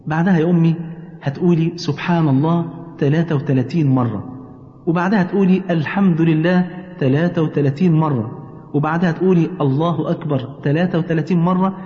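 A man with an Egyptian Arabic accent gently teaching his mother how to pray, patient and tender, slowing down to recite each prayer clearly. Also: on the high side, echoey room, big-room sound, highs cut off. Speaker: religious teacher. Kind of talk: gentle religious lesson addressed to his mother.

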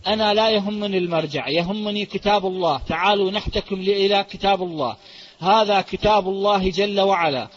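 Firm, high-voiced man arguing. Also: brisk. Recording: muffled lo-fi audio.

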